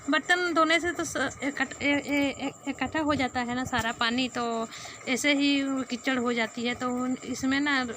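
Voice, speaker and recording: A woman with a Sambalpuri Odia accent, a native Odia speaker narrating a casual vlog in halting Hindi, searching for words. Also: fairly high pitch, fairly bright tone, a little hiss or hum. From Sambalpur, Odisha. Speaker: vlogger.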